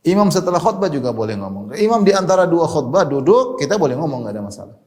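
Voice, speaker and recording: A man preaching an Islamic religious lecture, explaining patiently, repeating key points and tagging his phrases with a quick "ya". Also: on the high side, sing-song, darkish tone.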